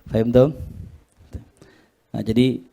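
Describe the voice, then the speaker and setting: Brief: male ustadz, mellow low-key voice, reads Arabic then explains it casually, with jokes. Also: takes it slowly, gravelly. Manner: explains Arabic text line by line in relaxed Jakarta slang, joking asides. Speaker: ustadz teaching a classical Sufi text. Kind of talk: casual religious study lecture.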